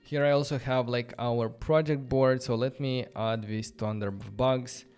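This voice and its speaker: A Romanian man, not a native English speaker, hosts a laid-back live-coding stream, thinking aloud in a loose, chatty way packed with fillers. His smooth, darkish mid-range voice has fairly even intonation and a measured pace. Faint music plays underneath.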